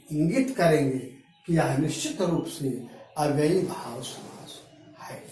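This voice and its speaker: A man teaching Sanskrit grammar in a classroom, repeating key terms slowly and asking and answering his own questions. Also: sits high. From Bihar, India. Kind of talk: classroom lecture. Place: echoey classroom. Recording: very echoey room from far off, faint music.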